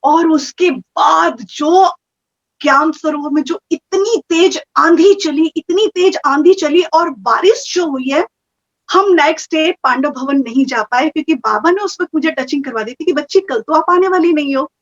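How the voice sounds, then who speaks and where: A woman with a high voice tells a personal story in a lively, animated way. She slips English phrases into her talk. The recording sounds muffled and dull. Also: unhurried. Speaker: guest sharing experiences. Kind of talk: casual storytelling.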